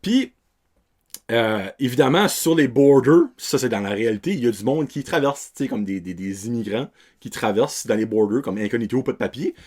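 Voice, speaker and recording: A man's voice: mid-range voice, lively intonation, brisk, darkish tone. A young man with a Québécois French accent, hosting a casual film review podcast in a rambling way, dropping English words and slang as he goes. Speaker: podcast host.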